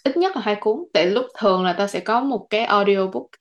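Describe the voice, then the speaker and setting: A woman's voice: mid-range voice, fairly quick. A woman co-hosting a casual book podcast, talking in a chatty way with many fillers and English words mixed in. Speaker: podcast co-host. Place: lives in the US.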